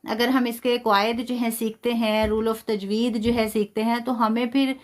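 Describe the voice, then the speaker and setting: A woman teaching a live online Quran recitation lesson, patiently spelling out sounds slowly and praising her students. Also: on the high side, flat delivery.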